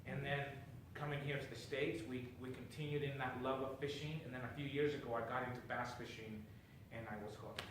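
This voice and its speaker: An upbeat, earnest middle-aged man from Chile answers interview questions, often restarting his phrases. He is picked up by a distant mic in a very echoey studio with an audience. Noise hangs clearly behind him. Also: mid-range voice, fairly even intonation, brisk, fairly bright tone. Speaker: guest author.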